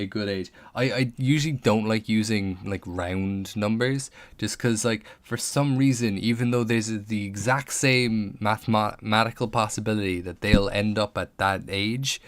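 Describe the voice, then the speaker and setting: Man, fairly low voice, casual live-stream chat, thinking aloud, replying to viewer comments. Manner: thinks aloud, musing over options; chats back to viewers' comments. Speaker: streamer making a tabletop game character.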